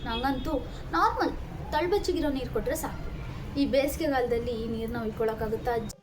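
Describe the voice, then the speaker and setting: A woman's voice: a little high, a little fast, slight background noise. A young woman playing a new mother in a comedy sketch, talking casually and complaining in a pleading way.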